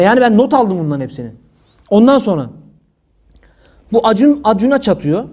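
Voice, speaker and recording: Indignant man with a high, emphatic voice. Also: dark tone. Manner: indignant, emphatic, repeats phrases, heavy pious formulas. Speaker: religious commentator. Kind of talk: impassioned religious monologue.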